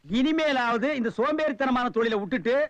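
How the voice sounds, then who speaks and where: High-voiced man with mocking retorts. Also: no room sound, highs cut off. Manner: scolding, mocking, fast retorts. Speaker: comic actor in film scenes. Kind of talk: film comedy dialogue.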